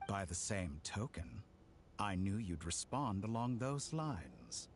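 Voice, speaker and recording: An actor playing a smug, theatrical villain scientist in a video game, polite yet mocking and grandiloquent. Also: male voice, lowish voice, very animated, slow, a little hiss or hum, heavily acted. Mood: haughty, assured.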